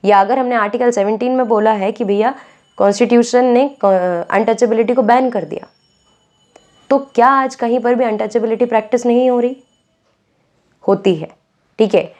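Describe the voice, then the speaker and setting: A woman's voice: on the high side, fairly even intonation, normal speed, long pauses, a little mellow. A young woman teaching a school civics lesson in a conversational way, often checking in with her students and mixing English terms into her explanations. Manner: conversational, mixes English terms into Hindi, frequent "theek hai" check-ins.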